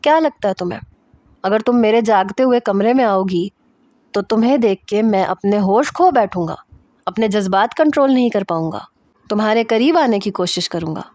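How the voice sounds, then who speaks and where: A woman's voice: mid-range voice, expressive, a little mellow, dry recording, clean studio sound, natural voice. A woman reading the lines of a stern, mocking young husband in a romance story, curt and taunting.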